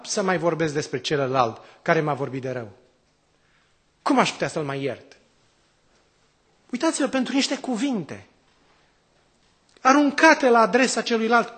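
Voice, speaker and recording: High-voiced male preacher asking rhetorical questions. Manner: swings between loud exclamations and quiet drops. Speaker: priest. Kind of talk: sermon.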